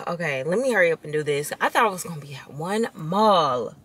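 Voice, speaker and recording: A woman's voice: fairly low pitch, animated, normal speed, fairly bright tone, breathy edge. A woman in her twenties with an American accent, chatting casually and informally to camera in a slangy vlog style. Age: 20s. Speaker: vlogger. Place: inside a car. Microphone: handheld or mounted camera at arm's length.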